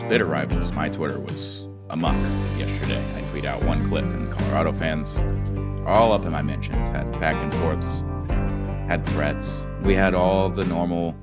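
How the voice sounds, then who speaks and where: A man with a rough, hungover morning-after voice, hosting a casual sports podcast in a chatty, colloquial way. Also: very deep voice. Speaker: podcast host.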